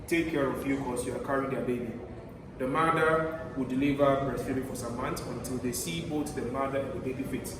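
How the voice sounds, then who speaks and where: A male tour guide briskly explains a historic site while leading visitors through stone castle cells and passages, his mid-range voice fairly even in intonation. The recording echoes through the stone chambers, with a distant mic and clear background noise.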